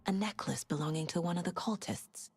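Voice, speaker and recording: An actress playing a calm, composed female FBI agent in a video game, questioning witnesses and thinking aloud. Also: lowish voice, brisk, background noise, lightly acted. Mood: musing. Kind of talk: video game dialogue and inner monologue.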